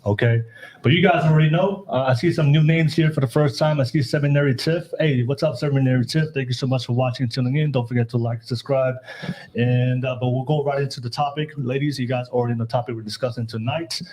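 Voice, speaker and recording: A man's voice: medium pitch, fairly even intonation, quick pace, darkish tone. A man hosting a live panel podcast, talking upbeat and straight to his live chat viewers. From California. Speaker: podcast host.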